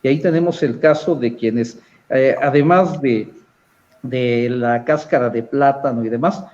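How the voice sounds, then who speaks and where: A man with a Mexican accent speaking as a panelist in a political discussion, measured and analytical, often pausing on hesitant fillers. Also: mid-range voice, darkish tone, dull audio.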